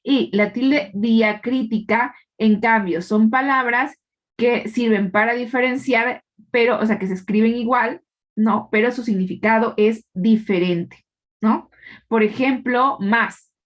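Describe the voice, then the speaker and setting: Woman, fairly high voice, teacher, patient explanations, tag questions, lo-fi audio. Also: a little slow. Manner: quizzes the class. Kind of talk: live online class lecture.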